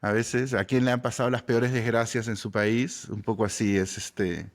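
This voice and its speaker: A man from Peru with a Peruvian Spanish accent, chatting as a comedian guest in a relaxed, storytelling way, often ending phrases with a questioning tag. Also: mid-range voice, normal speed. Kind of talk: casual interview chat.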